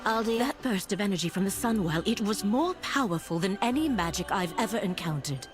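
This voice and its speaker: Haughty female elf mage played by a woman, fantasy game, lively intonation, wary and formal, music bed. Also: medium pitch, a little fast, natural voice. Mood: proud, wary. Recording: music behind.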